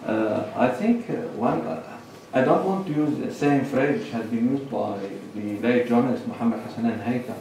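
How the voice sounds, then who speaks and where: This Lebanese conference speaker gives an academic presentation, measured in pace and pausing as he lists his points. His mid-range voice is a little mellow. The echoey hall is recorded from a distance via lectern microphone and far camera, with slight background noise.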